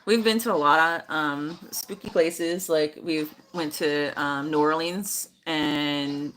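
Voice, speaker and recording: Low-voiced middle-aged woman, chatty. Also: slow pace, rough recording. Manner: relaxed, chatty, many fillers. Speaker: mother and moderator of the stream. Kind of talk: casual chat.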